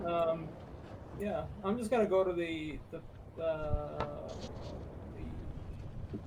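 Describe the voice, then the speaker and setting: A man's voice: fairly high pitch, slow pace, recorded from a distance, noisy background. A man chatting casually as a player in a tabletop game. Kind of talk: casual chat.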